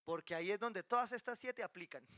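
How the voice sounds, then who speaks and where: Guy preaching a sermon, high voice, keeps asking the crowd questions, jokes around, dry close sound. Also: a little fast, no echo. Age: adult, married with children. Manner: lively preaching with rhetorical questions and playful asides. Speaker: pastor.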